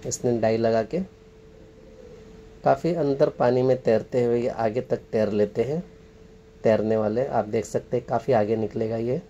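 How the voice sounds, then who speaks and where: A man with a mid-range voice walks viewers through an outdoor spot, narrating casually and pointing things out as a tour guide would. He is recorded outdoors beside a waterfall, with a faint wash of rushing water behind him. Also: mid-range voice, steady tone, warm tone, muffled recording, slight background noise. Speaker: travel vlogger. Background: rushing water and outdoor ambience.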